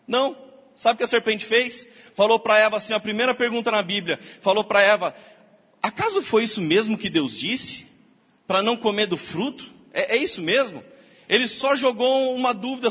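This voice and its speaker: High, bright-voiced pastor preaching. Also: male voice, a little fast. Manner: lively preaching with acted-out quotes. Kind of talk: sermon. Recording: long hall reverb.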